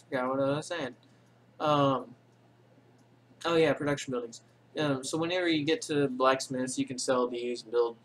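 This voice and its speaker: Sounding a bit bright at a mid-range pitch, a tutorial channel host wanders casually through a screen-recorded game walkthrough without a script, correcting himself and filling pauses with ums. He calls his voice boring, and the poor audio carries a faint hiss from his desktop mic.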